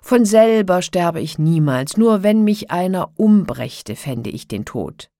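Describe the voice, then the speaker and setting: A woman voicing a loud, gruff, possessive male giant in a spoken fairy tale. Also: lowish voice, lively intonation, takes it slowly, dry recording, studio quality. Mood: boastful.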